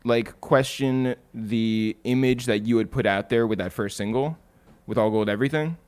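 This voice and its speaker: Man, podcast co-host, jokey, pokes fun at himself, mid pitch. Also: moderate pace, darkish tone, smooth. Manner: self-deprecating, jokey. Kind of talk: casual podcast interview.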